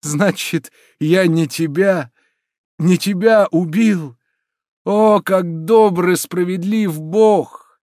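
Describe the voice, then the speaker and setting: A man's voice: a little high, takes it slowly, no room sound, studio quality, pitched above the performer's own voice. A man reading an audiobook and voicing a grief-stricken young prince with a trembling voice. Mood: trembling, anguished.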